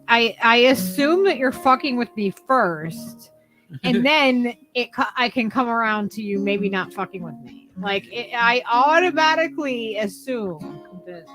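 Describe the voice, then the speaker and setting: A middle-aged woman co-hosting a casual livestream chat in a playful, teasing way. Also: a little high. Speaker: livestream co-host.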